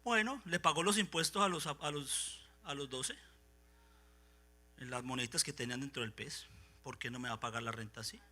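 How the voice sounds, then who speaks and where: A man preaching a Pentecostal sermon in a church, moving between quiet asides and shouted, fervent passages while acting out voices. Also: mid-range voice, normal speed. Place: church sanctuary.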